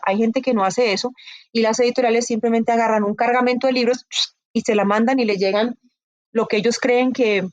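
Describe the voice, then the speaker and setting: A woman's voice: on the high side, no room sound, dull audio. A woman, a bookseller telling stories in an interview and acting out the dialogue. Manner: animated, acts out quoted dialogue in storytelling. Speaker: bookseller guest. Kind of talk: conversational storytelling interview.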